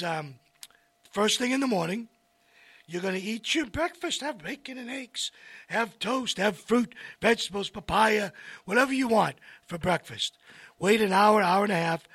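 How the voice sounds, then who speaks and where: A man hosting a casual health talk, rambling and speaking straight to his viewers with lively asides. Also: high voice, slightly rough, no echo. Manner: rambling, addresses folks directly, animated asides. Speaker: host.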